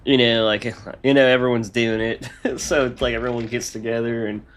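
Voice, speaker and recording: A man's voice: mid-range voice, flat delivery, moderate pace. A man with a congested, nasal voice, chatting casually on a live stream as he rambles through his modding work aloud.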